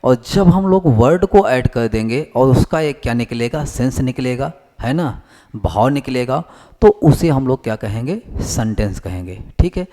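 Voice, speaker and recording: A man with a warm, expressive, medium-pitched voice gives a classroom lecture on English basics. He repeats each point as a question and writes definitions on the board, dictating them slowly.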